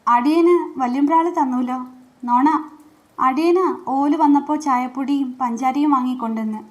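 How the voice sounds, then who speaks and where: An eager young servant boy, pleading and excited. A woman puts him on in a high, lively voice, as in a storybook reading. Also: normal speed, natural voice.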